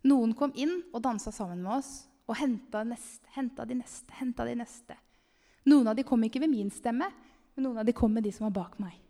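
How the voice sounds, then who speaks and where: A woman giving an animated, emphatic testimony sermon about a vision, sometimes calling out loudly to the listeners. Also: fairly high pitch. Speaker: speaker sharing a vision. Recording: long hall reverb.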